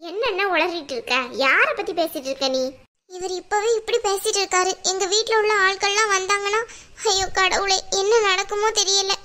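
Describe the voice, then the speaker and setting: A woman's voice: very high-pitched, fairly quick, bright, forceful tone. A woman voicing an anxious, pleading young wife in a cartoon. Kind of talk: cartoon voice acting.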